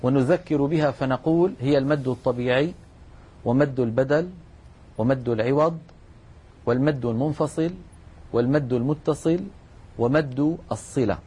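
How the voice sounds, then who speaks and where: Husky man teaching a patient lesson. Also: medium pitch, mellow. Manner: measured, patient, repeats key points. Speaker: Quran recitation teacher. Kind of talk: explanatory lesson.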